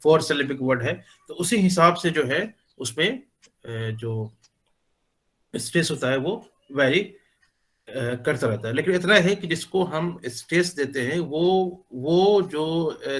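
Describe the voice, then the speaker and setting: Man lecturing slowly, many pauses. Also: a little high, expressive. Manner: explanatory, many pauses and "uh" fillers. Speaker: teacher. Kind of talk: spoken lecture in Hindi mixed with English.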